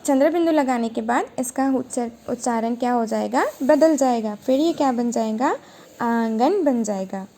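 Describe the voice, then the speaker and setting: A woman's voice: a little high, moderate pace, few pauses, dark tone, a little hiss or hum. A woman teacher giving a recorded grammar lesson, asking questions and then answering them herself.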